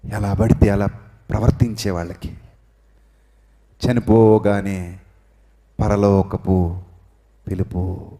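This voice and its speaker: A male pastor preaching a sermon, swinging between loud, high exhortation and hushed, low emphasis, drilling the congregation to repeat phrases aloud. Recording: long reverb in a hall.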